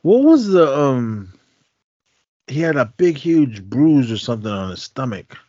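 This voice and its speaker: A man's voice: medium pitch, sing-song, a little slow, darkish tone, no echo. A middle-aged man co-hosting a podcast in casual, laid-back, slangy chat. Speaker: podcast co-host. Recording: dull lo-fi, dry close sound.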